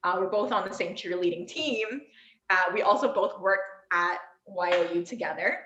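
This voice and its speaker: A young adult woman, a podcast guest, telling a story in lively, casual chat, acting out quotes and leaning heavily on "like.". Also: medium pitch, moderate pace, a little hiss or hum. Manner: animated, acts out quotes, many "like" fillers. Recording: roomy, dull-sounding.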